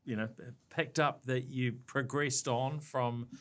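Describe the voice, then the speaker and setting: A man's voice: medium pitch, steady tone, slow pace, fairly bright tone. A man with a New Zealand accent hosting a business podcast, friendly and loose, with many fillers and restarts. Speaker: podcast host. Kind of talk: podcast interview.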